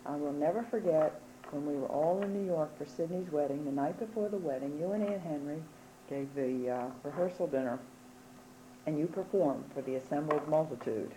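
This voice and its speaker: A woman's voice: low voice, normal speed, noisy background. A woman interviewing a relative, fondly recalling a family event as she sets up her question. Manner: fond, reminiscing storytelling. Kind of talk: casual chat.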